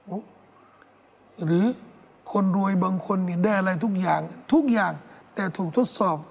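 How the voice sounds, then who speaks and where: A man delivers an Islamic sermon in a husky, slightly breathy voice. He presses his points by repeating key words again and again, and he speaks directly to his listeners as brothers and sisters. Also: high-pitched, measured pace. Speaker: Islamic preacher.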